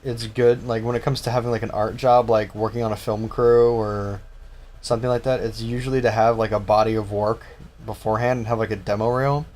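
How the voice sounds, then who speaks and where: A man's voice: lowish voice, flat delivery, fairly quick, darkish tone. A young man co-hosting a casual gaming chat, chatty and reacting to the game. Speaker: co-host.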